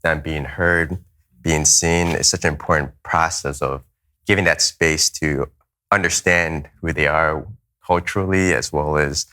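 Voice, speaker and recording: Very deep-voiced man, bright tone. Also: fairly even intonation. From United States. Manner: earnest, halting, with many restarts. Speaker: chaplain. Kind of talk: roundtable discussion.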